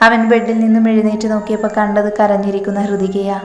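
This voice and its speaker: A woman's voice: mid-range voice, little pitch movement, fast, a little mellow. Woman narrating a romance story. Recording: echoey room with long reverb, faint music.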